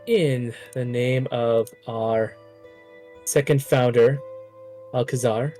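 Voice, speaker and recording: A man narrating a tabletop game as game master, animated and casual, swearing freely. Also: mid-range voice, slow, faint music behind.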